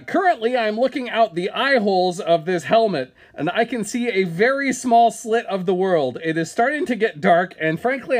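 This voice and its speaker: A man hosting a comedy podcast, telling an absurd product review in a mock-serious, dry way. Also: high voice. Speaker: podcast host.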